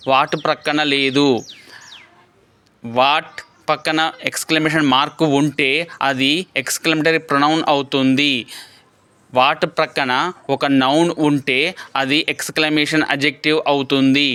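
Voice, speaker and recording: A man teaching English grammar in a scripted lesson, explaining in a measured way and reading English examples out slowly. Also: on the high side, fairly bright tone, clear, resonant tone.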